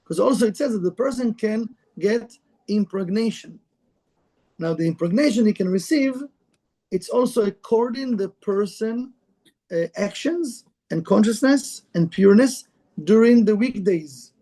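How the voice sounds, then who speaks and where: Guy with a pretty high voice giving a casual spiritual talk, broken english, keeps asking the room stuff. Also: measured pace, warm tone. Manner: conversational, broken English, asks the room questions. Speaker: Kabbalah teacher. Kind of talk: informal spiritual lecture to a live group.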